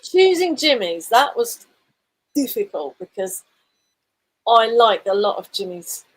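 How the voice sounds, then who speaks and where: A woman co-hosting a casual chat who explains things earnestly and slows down to stress her points. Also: fairly high pitch, very animated, rough recording. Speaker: co-host. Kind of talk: casual chat, presenting a video pick.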